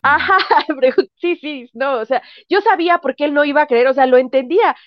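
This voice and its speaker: Woman guest, higher voice, muffled lo-fi call line, chatty and filler-heavy. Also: fairly quick, no room sound. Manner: chatty, laughs often, fillers like "este". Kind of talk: casual chat. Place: at home, in bed.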